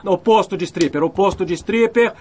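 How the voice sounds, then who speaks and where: Male dubber: earnest young groom, rapid and eager, slight hiss behind the voice. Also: high-pitched, natural voice. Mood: excited guessing. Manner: rapid excited guessing. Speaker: groom guessing a mime. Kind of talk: dubbed film acting.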